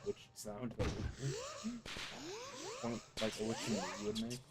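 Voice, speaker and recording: A man's voice: on the low side, level tone, takes it slowly. A young man streaming a speedrun, chatting casually in a rambling way, with many fillers and frequent laughs. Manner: rambling, heavy on "like", laughs often. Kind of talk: casual commentary while playing. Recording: noisy game stream audio.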